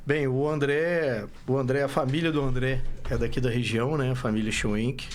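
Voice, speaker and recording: A man with a mid-range voice speaks at a moderate pace with fairly even intonation, and there's a little hiss or hum on the recording. He's a Brazilian startup founder, born in Rio and raised in Belo Horizonte, with a Minas Gerais accent of Brazilian Portuguese. As a podcast guest he talks casually and rambles, often restarting and correcting himself and saying "né?" a lot.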